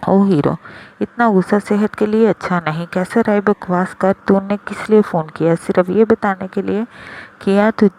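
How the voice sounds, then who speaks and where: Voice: medium pitch, normal speed, vocal fry, darkish tone, lightly acted, rough recording. A reader voicing a mocking man taunting his rival over the phone. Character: sneering male rival on the phone.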